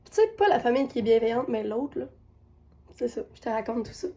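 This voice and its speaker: A woman's voice: on the high side, expressive, fast, mellow. A woman with a Québécois accent telling a personal parenting story, retelling scenes with quoted voices. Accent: Québécois French. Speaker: parenting coach.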